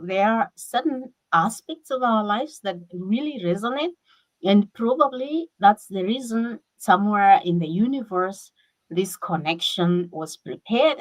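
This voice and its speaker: A woman from Kenya, talking as a guest in a casual conversation over a video call. She speaks haltingly and restarts her sentences often. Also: medium pitch, rough recording. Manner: halting, with many repeated restarts.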